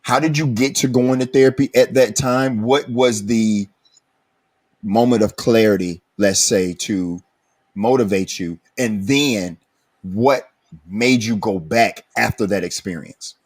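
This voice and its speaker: A man's voice: on the low side, a little slow. A man hosting a recovery podcast, earnest and emphatic, speaking in a preacherly, encouraging way. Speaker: podcast host.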